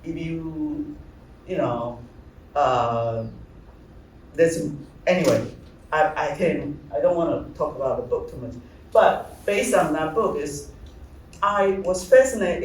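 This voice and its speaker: A middle-aged man from Taiwan, a visual artist, giving a halting talk about his slides, often searching for words. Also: on the high side, a little mellow, far from the mic. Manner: halting, searching for words, many fillers and restarts. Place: large gallery hall. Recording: echoey hall, speaker off-mic, faint room noise.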